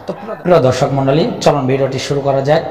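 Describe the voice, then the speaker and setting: A man's voice: mid-range voice, steady tone, racing, darkish tone. A man teaching the rules of Quran recitation, patiently repeating each rule and drilling syllables. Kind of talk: Quran reading lesson. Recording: echoey room with long reverb.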